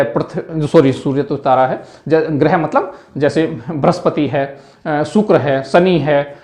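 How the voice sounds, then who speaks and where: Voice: medium pitch, darkish tone. A Hindi teacher giving an exam-prep lesson on word pairs, explaining patiently and repeating each word, often checking in with "है ना".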